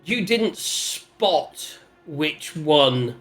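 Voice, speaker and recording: A man's voice: fairly high pitch, lively intonation, drawn-out words, fairly bright tone, soft background music. A man casually narrating a tabletop role-playing game as game master.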